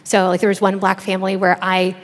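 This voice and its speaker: A woman's voice: medium pitch, completely flat delivery, fairly quick. A woman in her thirties, a researcher and author on a conference panel, answering thoughtfully with many fillers and restarts into a headset mic. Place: large conference stage. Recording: long reverb of a large hall.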